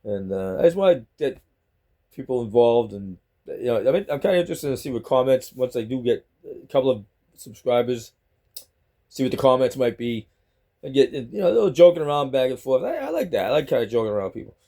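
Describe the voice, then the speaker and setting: A middle-aged man with a Boston accent talks into a phone on a selfie stick at home, his medium-pitched voice warm, animated and a little fast. He's a vlogger rambling casually to camera, chatty and prone to repeating himself.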